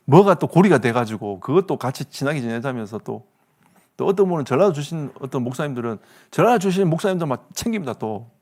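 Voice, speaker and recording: Lively Gyeongsang-accented male preacher. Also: medium pitch, fast. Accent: Gyeongsang Korean. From South Korea. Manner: animated storytelling with comic asides and laughter. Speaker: pastor. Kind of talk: sermon.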